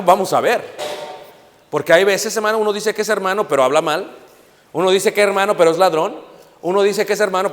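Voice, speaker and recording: A middle-aged male preacher delivers a sermon with emphatic insistence, turning again and again to his listeners. His voice sits fairly high for a man. It rings out with a long echo through a big church hall. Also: a bit bright. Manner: emphatic, repeatedly addressing the congregation. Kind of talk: Spanish-language sermon.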